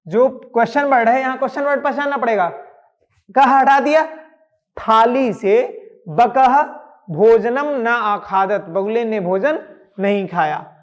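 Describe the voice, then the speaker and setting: A man's voice: extremely high pitch, lo-fi sound. A man, a Sanskrit teacher, explaining a school lesson step by step, asking questions aloud and answering them himself.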